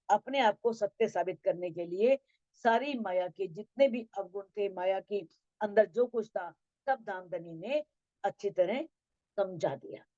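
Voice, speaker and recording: A woman giving a devotional talk on scripture, chanting verses slowly and then explaining them in plain speech. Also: fairly high pitch, mellow, no echo. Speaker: scripture teacher. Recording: dull lo-fi sound.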